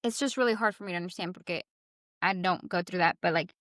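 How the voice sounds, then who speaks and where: A woman co-hosting a podcast in casual chat, blunt and animated, swearing freely. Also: on the low side, quick pace, dry recording, studio quality. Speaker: podcast co-host.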